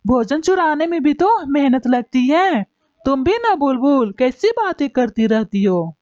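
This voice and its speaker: A woman's voice: high voice, sing-song, a little slow, a little mellow, no room sound. A woman doing a lazy grumbling husband bird. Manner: whiny, dismissive grumbling. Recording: dull lo-fi recording.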